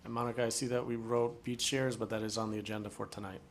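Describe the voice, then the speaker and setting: Gravelly, flat-voiced man chairing a meeting. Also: on the low side, fast, a little hiss or hum. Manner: procedural, flat and matter-of-fact.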